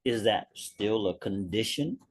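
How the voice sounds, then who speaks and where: A man in a writing group sharing his reflections on a video call, slow and thoughtful, repeating key words. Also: lowish voice, lively intonation, husky, no echo. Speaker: workshop participant.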